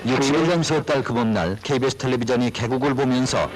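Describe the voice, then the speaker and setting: A man's voice: mid-range voice, fast talker, rough recording. A man reading scripted narration for a newsreel retrospective. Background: music.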